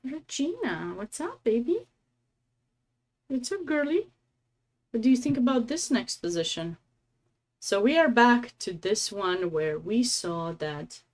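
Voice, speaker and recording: Speaking at a medium pitch, this Romanian woman chats loosely through live game commentary on her stream, her accent audible and her remarks sprinkled with warm, affectionate asides.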